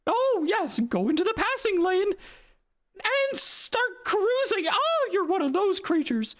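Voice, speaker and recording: Squeaky, furious Mickey Mouse parody. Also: big pitch swings, a bit bright, full character voice. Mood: exasperated sarcasm. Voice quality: squeaky falsetto. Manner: exasperated, sarcastic ranting with drawn-out words. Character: foul-mouthed, furious high-squeaky cartoon mouse with road rage. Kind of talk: cartoon character parody.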